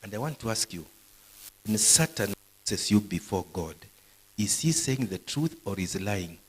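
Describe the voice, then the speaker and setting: Man preaching, deep voice, husky tone, asks the crowd questions. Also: a little slow, rough recording. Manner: lively preacher, quizzes the audience with questions. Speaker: pastor. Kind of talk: live sermon to students. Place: university gathering.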